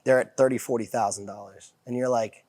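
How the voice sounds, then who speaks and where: A man's voice: mid-range voice, steady tone, a little fast, darkish tone, dry recording, studio quality. A man guest talking in a casual podcast chat about nightlife work, rambling with restarts and swearing freely. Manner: rambling, profane, many restarts.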